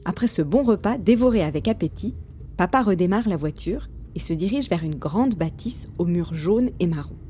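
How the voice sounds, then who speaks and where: Lively, mellow woman reading a storybook. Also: on the low side, normal speed, a little hiss or hum. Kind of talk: storybook narration.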